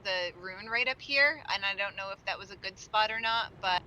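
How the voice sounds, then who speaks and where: A woman's voice: mid-range voice, moderate pace, sharp tone, a little hiss or hum. A woman chatting and giggling with her guild on voice chat during a game raid. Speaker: guild raid member streaming. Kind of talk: casual gaming voice chat.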